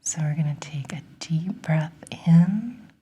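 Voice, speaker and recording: Slowly and in a deep voice, a woman whispers through a guided relaxation, gentle and breathy in the ASMR manner. She soothes and encourages the listener as she goes.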